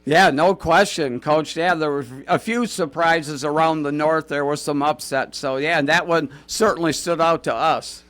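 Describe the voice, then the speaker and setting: A man hosting a high school sports radio show in a friendly, chatty way. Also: steady tone, moderate pace, few pauses, fairly bright tone. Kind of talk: casual sports radio chat.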